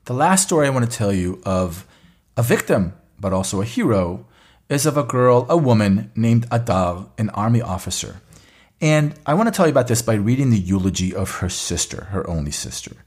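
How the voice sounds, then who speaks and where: A man hosting a podcast, telling a story in an earnest, halting way with fillers and restarts. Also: fairly low pitch, big pitch swings, a little mellow, breathy edge. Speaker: podcast host. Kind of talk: storytelling narration.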